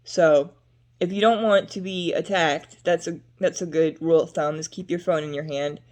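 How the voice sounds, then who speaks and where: A woman's voice: sits low, steady tone, normal speed, darkish tone. A young adult woman vlogging to camera in a rambling, chatty way, drifting between topics with frequent fillers. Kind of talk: casual talk to camera.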